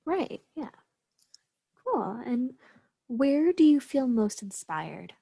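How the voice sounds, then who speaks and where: Husky, lively woman interviewer, higher-pitched. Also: slow pace. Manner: affirming, brief responses. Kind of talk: scripted interview questions with brief casual reactions.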